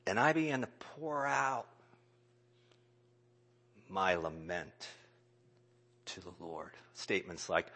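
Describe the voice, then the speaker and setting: A man preaching a sermon as a pastor, swinging from loud exclamations down to hushed whispers. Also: low-pitched, sing-song, slow pace, pauses often.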